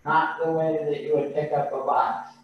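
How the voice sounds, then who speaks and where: A man leading a qigong exercise class over a video call, giving calm, patient breathing cues. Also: a little high, moderate pace, slight background noise. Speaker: qigong instructor. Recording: echoey distant video-call audio, dull and lo-fi.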